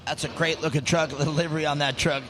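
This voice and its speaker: A man's voice: on the high side, fairly even intonation, fast talker, noisy background. A man giving color commentary on an off-road race, chatty and telling anecdotes.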